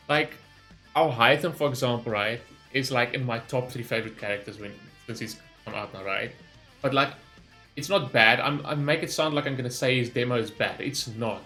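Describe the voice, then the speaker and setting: A man offers casual reaction commentary for a gaming channel, rambling informally and thinking aloud. His mid-pitched voice moves at a moderate pace with a sharp tone, and faint music plays underneath.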